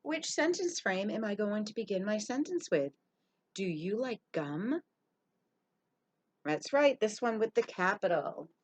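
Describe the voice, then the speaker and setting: A woman teaching young children to read sentences and write letters, speaking clearly and encouragingly, drawing out her words. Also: medium pitch, very animated, normal speed, hardly any pauses. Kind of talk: early reading and handwriting lesson for young children.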